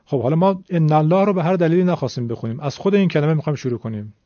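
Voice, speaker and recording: A man's voice: a little high, warm tone, no echo, highs cut off. A man teaching a Quran reading lesson, explaining patiently and politely to his viewers.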